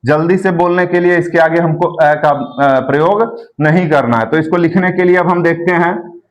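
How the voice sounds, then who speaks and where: A man's voice: a little high, normal speed, lo-fi sound. A man teaching a lesson, explaining step by step and drawing out and repeating syllables. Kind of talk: classroom lesson.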